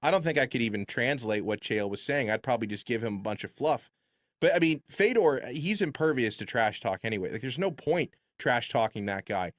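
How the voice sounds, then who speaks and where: A man co-hosting sports radio talk, laying out his theories in an animated way. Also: mid-range voice, a little fast, no room sound, clean studio sound.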